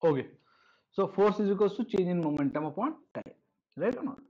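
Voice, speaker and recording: High-pitched North Indian man teaching. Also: lively intonation, a little fast, mellow. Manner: repeatedly checks understanding with short tag questions. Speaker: physics teacher. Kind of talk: live online lesson. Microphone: online video call. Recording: dull, lo-fi online class audio.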